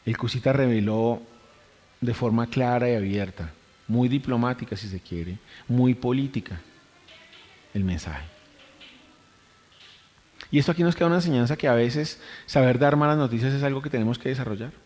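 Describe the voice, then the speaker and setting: A man delivers a sermon in an earnest manner, stacking repeated phrases for emphasis and stopping to correct himself. His voice sits at a middle pitch. The sound carries a long reverb from a church hall. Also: moderate pace, long pauses, darkish tone. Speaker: preacher.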